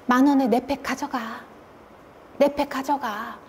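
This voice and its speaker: A lady putting on a chatty middle-aged rice-cake shop woman, familiar and brisk, high voice bouncing in a reverby hall. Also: lively intonation, slight background noise. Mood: offhand.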